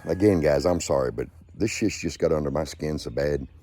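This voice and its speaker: A man's voice: rumbling low, a little fast, dark tone, slight background noise. A man hosting his own channel, delivering an angry, profane rant with lots of repetition. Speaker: channel host.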